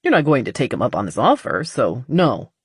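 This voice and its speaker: A woman voicing a calm, teasing adult man in an audiobook, speaking in a low, controlled way. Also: a little fast, breathy edge, no echo, clean studio sound, heavily acted. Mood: easygoing. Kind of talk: audiobook character voice.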